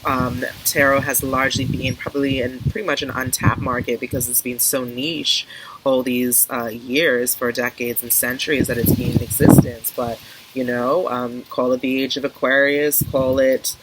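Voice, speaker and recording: A woman's voice: very deep voice, level tone, unhurried. A woman talking casually to her viewers outdoors in an open garden, rambling and often restarting her sentences, as a video creator. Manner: hesitant, rambling, self-interrupting. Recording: windy outdoor garden recording, faint noise. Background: wind and outdoor ambience.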